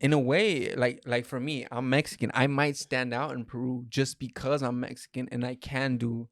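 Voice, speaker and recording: A young man co-hosting a casual comedy podcast. He sounds relaxed and agreeable, backs his partner up with easy yeahs, and swears casually. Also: mid-range voice, normal speed, dry recording, studio quality. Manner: laid-back, agreeable, swears casually, lots of yeah and mm-hmm. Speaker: podcast co-host and stand-up comedian.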